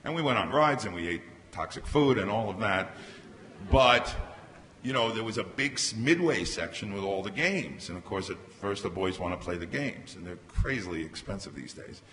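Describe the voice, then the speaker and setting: Middle-aged male panelist, lowish voice, anecdotal storyteller, stand mic in an echoing hall. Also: lively intonation, normal speed, a bit bright. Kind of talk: conference panel discussion. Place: large conference hall stage. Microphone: microphone on a table stand. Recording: reverberant hall, faint background hiss.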